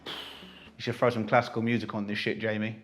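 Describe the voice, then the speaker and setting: A man's voice: on the low side, little pitch movement, quick pace. A British man hosting a casual vlog tour of a building under renovation, talking in an enthusiastic, jokey, exclamatory way. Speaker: vlog host.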